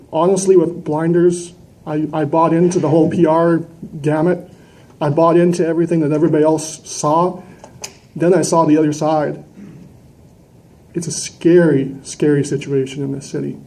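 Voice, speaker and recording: At a council meeting in a large indoor chamber, a male citizen delegate gives an impassioned public address close on a gooseneck microphone. His voice is fairly high, soft-edged and dark, and he sounds indignant and combative, pressing his points with emphatic rhetorical questions. The recording is rough.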